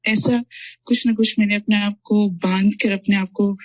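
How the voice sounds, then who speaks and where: A woman's voice: medium pitch, fairly even intonation, normal speed, dry recording, low-quality recording. A woman, a mother, earnestly sharing her routine in a religious class discussion, mixing in English phrases. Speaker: mother and student.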